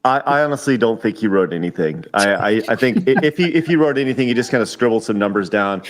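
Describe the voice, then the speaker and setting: A man in his forties guests on a podcast over remote call audio, chatting casually in a voice on the low side that's animated and quick. He often repeats words and restarts his sentences.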